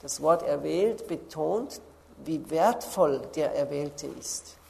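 A woman preaching a sermon, slowly stressing key words and pausing to look up Bible verses. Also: low-pitched, expressive, gravelly, darkish tone.

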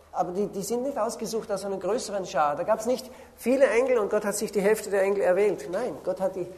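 A woman preaching a sermon, slowly stressing key words and pausing to look up Bible verses. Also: mid-range voice, a little mellow.

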